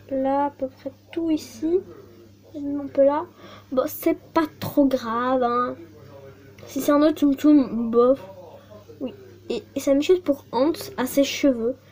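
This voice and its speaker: This vlogger is a young woman whose voice sits high and sounds mellow. She chats casually while unboxing toys at her desk at home, hesitating often and filling her speech with fillers and apologies.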